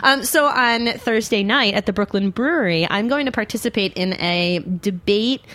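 A woman hosting a casual talk show, speaking in an animated, argumentative and jokey way. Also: medium pitch, moderate pace, dry recording. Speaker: host.

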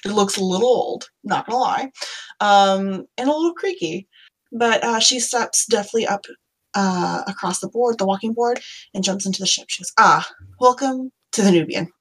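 A woman's voice: medium pitch, normal speed, slightly rough, rough recording. A woman running a tabletop game as game master, narrating in a rambling, hesitant way full of fillers.

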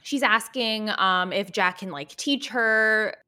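Bright-voiced chatty woman podcast host. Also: slow pace. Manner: chatty, laughs often, mimics characters in a breathy high voice. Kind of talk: casual chat.

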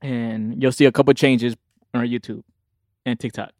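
A man's voice: medium pitch, flat delivery, normal speed, a little mellow, no room sound, studio quality. A man hosting a casual podcast chat, slangy and joking in how he talks. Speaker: podcast host.

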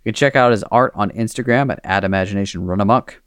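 A man hosting a podcast, talking in an animated, playful way. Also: on the low side, fast talker, clean tone, no echo, studio quality. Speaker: podcast host. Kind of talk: casual chat.

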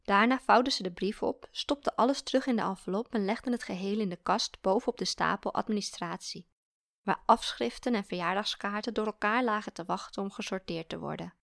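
A woman reading a story aloud in a calm, reflective way. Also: mid-range voice, fairly quick, creaky, no room sound, clean studio sound. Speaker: narrator. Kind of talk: scripted story narration.

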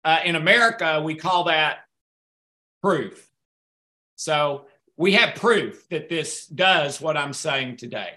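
A guest speaker with a fairly high, sharp voice answers audience questions in a casual session, taking it slowly. He rambles a little, pokes fun at himself, and is a little hard of hearing.

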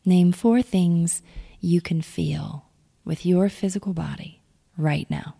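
A woman leading a calm guided grounding exercise, giving gentle, soothing instructions in a soft, near-whispered delivery. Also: fairly low pitch, slow pace, creaky, slightly rough. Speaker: meditation guide.

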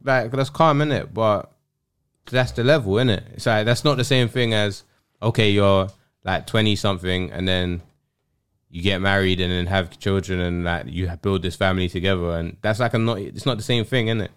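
A man's voice: sits low, steady tone, moderate pace, fairly bright tone, clear, resonant tone. A man with a London roadman accent giving casual podcast commentary in street slang, reasoning through comparisons.

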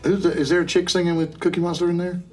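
A man co-hosting a relaxed chat, talking haltingly with many fillers and restarts. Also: sits high, soft background music. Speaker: podcast co-host. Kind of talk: casual chat about cover songs.

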